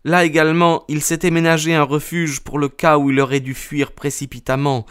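Audiobook figure: shaken, bitter young woman, pitched high, as a male reader puts her on. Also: flat delivery, brisk, a bit bright, clear, resonant tone, no echo, clean studio sound, lightly acted. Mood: urgent. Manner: breathless, high pleading delivery.

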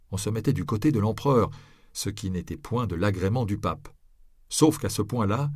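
Male audiobook narrator, low voice, measured delivery, dry studio sound. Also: no room sound.

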